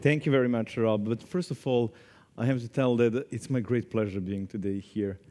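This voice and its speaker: A man in his forties from Serbia speaking as a conference panelist, earnest and deliberate, in a large hall. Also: mid-range voice, steady tone, dark tone, slight background noise. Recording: long hall reverb.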